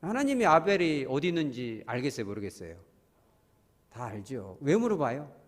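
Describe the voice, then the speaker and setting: A man's voice: mid-range voice, very animated, moderate pace, in a large hall. A man preaching a sermon as pastor, talking with the congregation in a conversational way, asking them questions and acting out voices. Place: church.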